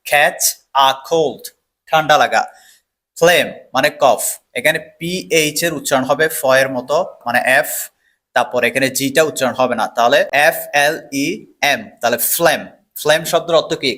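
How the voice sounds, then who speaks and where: A man teaches English vocabulary step by step. His voice is bright and sits a little high. He explains patiently, repeating each word and asking himself questions before answering them.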